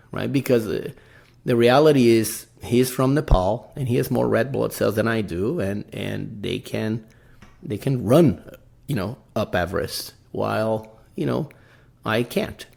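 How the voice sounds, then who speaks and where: A Brazilian man with a fairly low, gravelly voice hosts a casual solo podcast in his Brazilian accent. He rambles freely and keeps ending his sentences with "right?".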